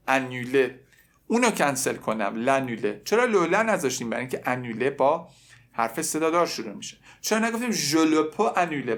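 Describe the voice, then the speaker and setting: A young man teaching a language lesson, slowly repeating phrases and conjugating verbs aloud, with joking asides. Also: mid-range voice, a bit bright. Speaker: French teacher.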